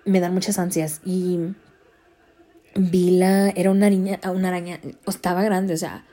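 A woman's voice: lowish voice, moderate pace. A young woman casually telling a story as a vlogger, chatty and slangy, slipping into English words. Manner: chatty, slips into English, slangy and animated in retelling.

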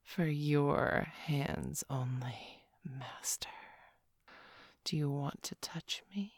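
Low husky whispery seductress, a woman playing her, slow and dry-sounding. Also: dry recording, exaggerated voice. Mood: seductive. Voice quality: breathy whispering. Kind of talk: erotic audio roleplay.

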